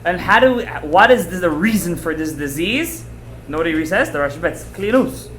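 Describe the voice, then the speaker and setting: A man teaching a Torah class as a rabbi, animated and emphatic, repeating phrases, asking rhetorical questions and dropping in Hebrew terms. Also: fairly high pitch, moderate pace, reverberant, a little hiss or hum. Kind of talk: animated religious lecture to students.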